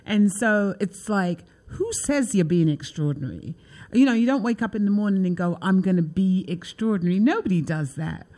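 A woman's voice: mid-range voice, expressive, moderate pace, warm tone. A woman hosting a talk show, chatting loosely with lots of filler words. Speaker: show host. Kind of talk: casual interview chat.

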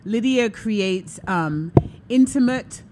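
A woman hosting a talk radio show, telling stories in an animated way, laughing and acting out quotes. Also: mid-range voice, takes it slowly, a little hiss or hum. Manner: animated storyteller, laughs often, acts out quotes. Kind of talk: casual radio chat.

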